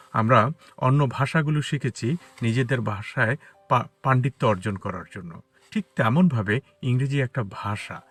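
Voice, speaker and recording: A man teaching English pronunciation to Bengali speakers, talking outdoors on a street and spelling out letters and sounds slowly. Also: medium pitch, fairly bright tone, slightly rough. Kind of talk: spoken English lesson.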